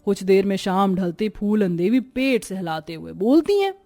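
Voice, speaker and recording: A woman reading a scripted family story in a lively, dramatic narrating voice. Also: medium pitch, normal speed, dry recording.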